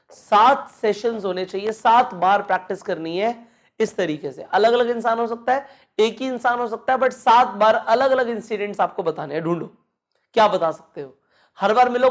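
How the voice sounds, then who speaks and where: A young man teaching communication skills as a spoken lesson, explaining step by step with everyday examples and mixing in English phrases. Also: sits high.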